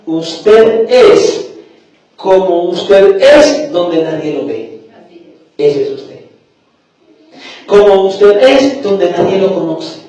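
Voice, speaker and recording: Pastor, male, very high voice, fiery sermon, booming hall reverb, mic set back. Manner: fiery preaching, rising to shouts. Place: church hall. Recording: echoey church hall, mic at a distance.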